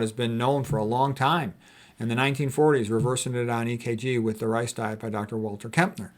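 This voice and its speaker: Speaking at a medium pitch, a health educator reads out quotes and offers casual commentary on them. He comes across as folksy and emphatic, going back over important points more than once.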